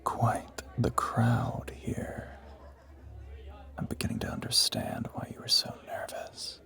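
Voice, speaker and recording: With a slow pace and sharp tone, a man voices an ancient vampire posing as a human boyfriend in an audio roleplay. He drawls in a mood of smug teasing, often slipping toward a whisper.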